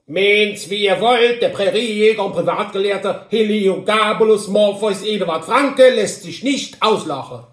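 A man putting on a shrill, offended little hunter with a Saxon accent. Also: expressive, roomy sound. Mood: indignant. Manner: shrill, indignant, drawn-out. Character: quarrelsome touchy little man, Saxon dialect.

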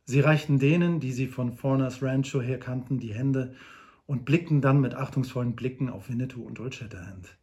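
A man narrating an adventure novel aloud with lively storytelling. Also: mid-range voice, brisk. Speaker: audiobook narrator.

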